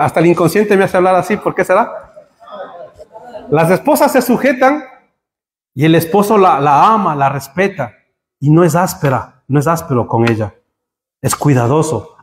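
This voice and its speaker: A man preaching a sermon to his congregation, joking with them and building to emphatic high peaks. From Spain. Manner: humorous, rising to emphatic peaks. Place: church hall. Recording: echoey church hall.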